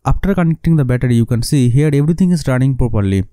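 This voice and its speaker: Bengali-accented man with a dark, mellow voice. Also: medium pitch, animated, racing, no echo. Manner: non-fluent English with unusual grammar. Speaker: host of a DIY electronics channel. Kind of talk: scripted how-to narration.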